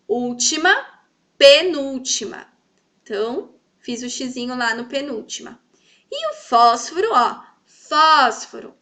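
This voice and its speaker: A woman teaching a grammar lesson to children, stretching out example words slowly and checking in often with her pupils. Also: high voice, fairly bright tone. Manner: sweet, coaxing, checks in often.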